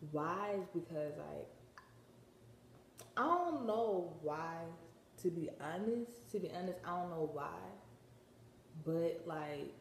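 A teenage girl chatting to her camera in a loose, slangy ramble, full of filler words and a slight retainer lisp. Her voice sits low for a girl, and the room around her rings with echo under a faint hiss of background ambience. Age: teens. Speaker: vlogger. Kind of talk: casual vlog chat.

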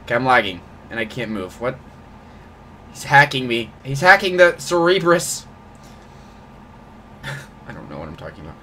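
A man's voice: medium pitch, normal speed, long pauses, a little hiss or hum. A man hosting his gaming channel, giving jokey live commentary on his own match and yelping at every bad play. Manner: excitable, jokey, groans and yelps at plays.

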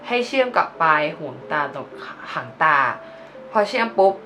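A woman's voice: sits low, fairly bright tone, a little hiss or hum. A young woman casually chatting as she demonstrates her everyday makeup, playful and explaining each step. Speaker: beauty vlogger. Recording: music playing behind her voice. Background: background music.

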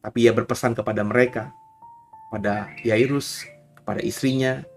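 A man's voice: medium pitch, fairly even intonation, normal speed, faint music behind. A man, a pastor giving a casual, chatty Bible teaching and often checking in with his listeners.

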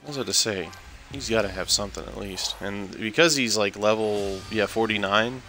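A man's voice: on the low side, a little fast. A young man streaming a game, chatting casually and correcting himself as he talks, while he has the hiccups. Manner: rambling, self-correcting, chatty. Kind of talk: casual gameplay commentary. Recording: game music loud behind voice. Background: game music.

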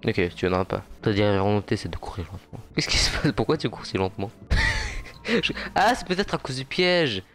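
A young man casually commenting on his gameplay for viewers, excitable and quick to laugh. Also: lowish voice, soft background music. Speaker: gaming YouTuber.

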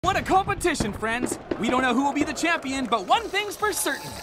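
An actor voicing an excitable little dinosaur host in a cartoon, announcing prizes and contests in a booming, grandiose way with stretched-out words. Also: fairly quick, heavy background noise. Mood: showy, excited. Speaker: sports event announcer. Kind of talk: cartoon commentary. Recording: loud music behind the voice.

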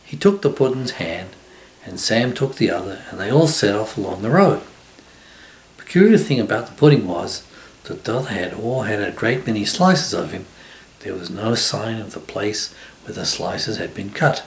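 An older man reading a children's storybook aloud at a steady pace. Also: fairly low pitch, normal speed, echoey room, low-quality recording. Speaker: storybook reader. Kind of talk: storybook narration.

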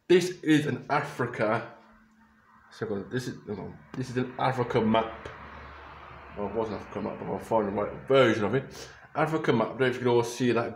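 Reacting to photos in casual vlog commentary, a young man rambles, stops, restarts, and corrects himself. His voice sits at a medium pitch, and the close-range webcam or phone recording in his small, echoey bedroom carries slight background noise.

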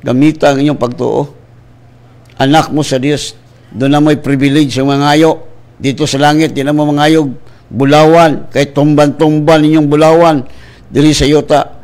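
A man with a Cebuano accent, a pastor preaching and praying on the radio, mixing in English phrases and breaking into sudden high shouted bursts. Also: little pitch movement, moderate pace. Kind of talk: radio sermon and prayer. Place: radio studio.

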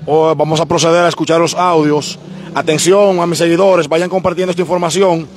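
A man, interviewing people on a busy street with a handheld mic, asking brisk questions. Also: on the high side, steady tone, slight background noise. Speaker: street reporter.

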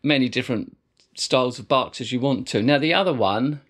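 A middle-aged man explains didgeridoo techniques in a loose, casual teaching voice. He rambles a little, restarts his sentences and leans on fillers as he goes. His pitch stays in the ordinary middle range. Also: a little fast, a bit bright.

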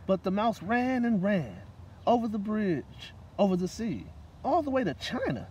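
Reading a children's picture book as a guest at an outdoor park table, a middle-aged man uses a high, very animated voice that's a little mellow. He takes it a little slow. The mic is far off, catching light noise from outside.

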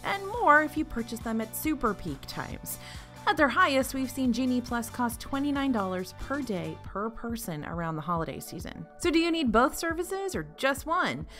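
A woman's voice: mid-range voice, fairly bright tone. A woman hosting a travel explainer, reading a script in a bubbly, upbeat way with chatty asides. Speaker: host.

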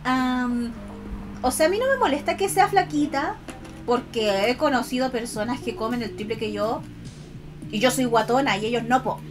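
High, cutesy Chilean e-girl streamer. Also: moderate pace. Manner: giggly, expressive, affectionate. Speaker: VTuber art streamer. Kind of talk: casual livestream chat, reading and answering viewers' comments. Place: indoors at a computer. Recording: music behind the voice.

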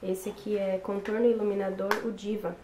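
Casual tutorial host: young woman, voice hoarse from a cold, recorded in a roomy bedroom with faint noise. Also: mid-range voice, level tone, brisk. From Brazil. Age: young adult. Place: small bedroom, indoors. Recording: roomy echo with background noise.

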